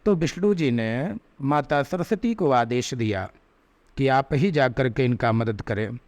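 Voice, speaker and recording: A man giving a devotional sermon, telling a story and slowing down to recite verses, with emphatic rising peaks. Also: mid-range voice, expressive, darkish tone. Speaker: spiritual preacher. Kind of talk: Hindi devotional discourse with storytelling.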